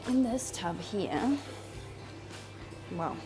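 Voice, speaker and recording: With music playing in the background, a New Zealand woman speaks very slowly in an animated, mid-range voice. She's a fishkeeping vlogger recording her home fish room on a handheld camera, chatting casually, rambling and restarting with lots of ums.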